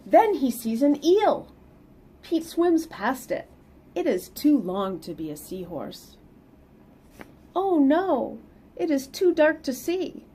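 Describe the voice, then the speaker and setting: Middle-aged woman, children's read-aloud, unhurried, sing-song emphasis, some background noise, small room. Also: sits high. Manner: animated, sing-song emphasis for young listeners. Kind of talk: expressive children's picture-book reading with casual asides. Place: small plain indoor room.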